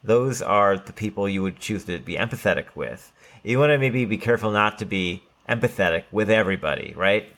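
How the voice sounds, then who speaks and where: Here a man co-hosts a podcast, speaking briskly with a lowish, slightly bright voice and lively intonation. His relaxed talk is full of fillers like "like" and "right?".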